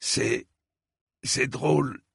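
A man voicing a wounded noble prince with a thick, metallic voice, speaking haltingly. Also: medium pitch, fairly even intonation, gravelly, fairly bright tone, breathy edge, no echo, studio quality, pitched above the performer's own voice, exaggerated voice. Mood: weary, strained. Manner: halting, stammering speech.

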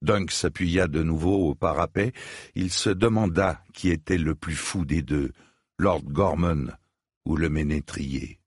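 A man reading a fantasy novel aloud in measured, grave storybook narration. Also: very deep voice, husky, no room sound, clean studio sound. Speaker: audiobook narrator.

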